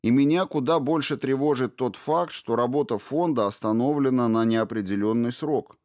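A man's voice: mid-range voice, normal speed, a little mellow, dry recording, studio quality, pitched above the performer's own voice, close to an everyday voice. A man doing an evasive, indignant fund official. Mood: defensive. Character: evasive male fund official, defensive under questioning.

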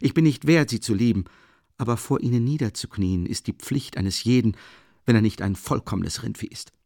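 A man reading an audiobook and voicing a drunk, excitable young man who rants fervently and loudly. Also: medium pitch, brisk, gravelly, dry recording, clean studio sound, voice pushed up. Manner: fervent, ranting, shouting.

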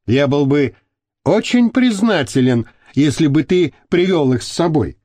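A man reading a scheming, sinister older party boss in an audiobook, smooth and drawn out. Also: fairly high pitch, animated, a little slow, warm tone, no room sound, clean studio sound. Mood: insistent.

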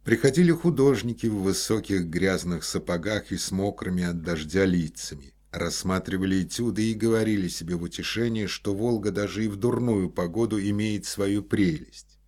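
A man narrating a literary audiobook in a measured, expressive storytelling manner. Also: sits low.

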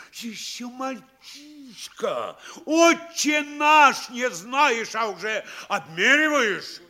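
A male actor uses a high voice to play a pompous, bullying provincial mayor in a Russian comedy audio play. His heavily acted scolding swings theatrically between sly quiet and bellowing.

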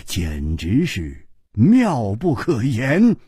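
A man narrating a martial-arts story in a lively, unhurried storytelling style. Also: medium pitch, slightly rough, dry recording. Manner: lively, wide-ranging, unhurried delivery. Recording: dry close studio radio recording.

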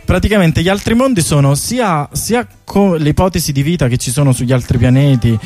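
This guest artist, promoting a bike tour project, has a fairly high, expressive and slightly mellow voice that moves a bit fast. Speaking in a radio studio over background music, he explains things loosely and hesitantly, often repeating himself in the relaxed interview.

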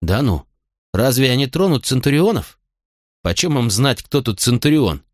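A wry, puzzled merchant in an audiobook, asking questions in a lively voice, as a male narrator puts him on. The sound is close and dry. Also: medium pitch, normal speed, no echo, pitched above the performer's own voice, lightly acted.

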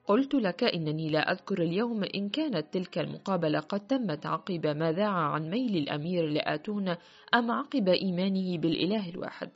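Lowish husky woman reading a story steady and measured, faint music behind. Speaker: audiobook reader. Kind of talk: first-person literary narration. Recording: muffled with faint background music.

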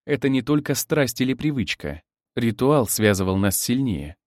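A man narrating a story in first person, telling it expressively and lively. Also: medium pitch, moderate pace, no echo, clean studio sound. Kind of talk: audiobook narration.

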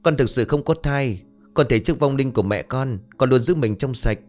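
Guy doing a high pleading village girl of eighteen, stubborn, loud. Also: animated, fairly quick, soft background music, natural voice. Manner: high and pleading, breaking into defiance.

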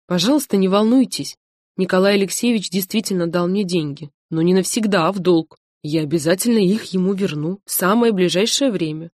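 A woman's voice: medium pitch, brisk, a little mellow, no room sound, clean studio sound, close to an everyday voice. Woman voicing an earnest pleading young mother.

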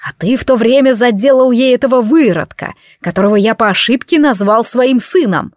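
A woman's voice: a little high, brisk, no room sound, studio quality, close to an everyday voice. A woman voicing a cruel, vengeful male count who sneers and threatens. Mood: sneering menace. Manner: sneering, menacing.

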